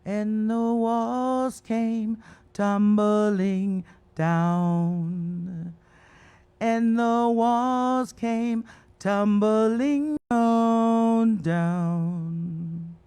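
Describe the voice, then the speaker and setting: A woman performing spoken word poetry at an outdoor street memorial gathering, with a measured, rhythmic delivery and chanted refrains. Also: medium pitch, fairly even intonation, warm tone, smooth.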